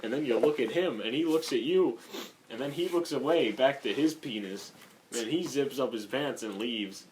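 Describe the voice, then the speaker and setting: A teenage boy co-hosting a casual podcast, loud and jokey, breaking into shouts and bits of song. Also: medium pitch, moderate pace, slight background noise, rough recording. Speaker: podcast co-host. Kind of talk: casual chat.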